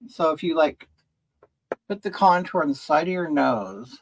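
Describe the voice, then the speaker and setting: A man from rural California with a slightly high, animated voice hosts a casual livestream, unhurried as he does his makeup and reads and answers chat. He rambles through hesitant sentences, often restarting them. The low-quality recording carries slight background noise.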